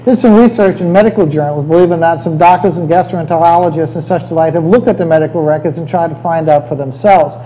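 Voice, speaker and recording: A man's voice: fairly high pitch, fast, few pauses, mellow, a little hiss or hum, low-quality recording. A man giving a conversational history lecture over slides, often checking in with "okay?".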